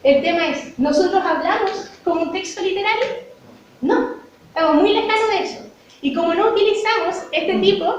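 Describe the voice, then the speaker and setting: A Chilean woman with a very high, bright-toned voice lectures in a university hall, talking students through her points and answering her own rhetorical questions. She is picked up from far off, so her voice comes through roomy and echoing. The sound is dull and lo-fi, with a faint hiss underneath. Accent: Chilean Spanish. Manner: explanatory, poses rhetorical questions and answers them.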